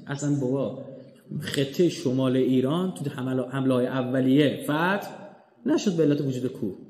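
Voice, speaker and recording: An Iranian man giving an animated religious lecture, swinging from loud emphatic points to hushed, low asides and acting out quoted speech. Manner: acts out quoted speech in storytelling. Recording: long hall reverb.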